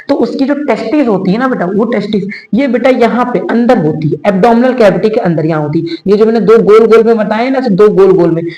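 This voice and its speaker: A young man gives an online exam-prep biology lecture in a chatty, repetitive style, calling students "beta," answering his own questions and using technical terms. His voice sits high and a little mellow, in a reverberant, rough recording.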